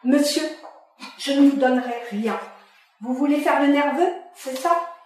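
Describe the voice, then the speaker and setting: A woman's voice: high voice, measured pace, a little mellow, slight background noise. Woman reading as a combative office director, curt and taunting, distant in a roomy space. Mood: defiant. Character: brusque female office director, combative, mocking. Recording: echoey room, voice from far off.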